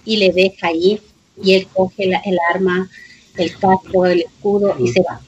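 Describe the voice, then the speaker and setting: A woman's voice: medium pitch, level tone, unhurried, a little mellow, highs cut off, slight background noise. Mother telling an emotional story. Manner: emotional storytelling, reenacting dialogue, repeating phrases. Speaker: grieving mother of a police officer. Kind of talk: personal testimony in an interview.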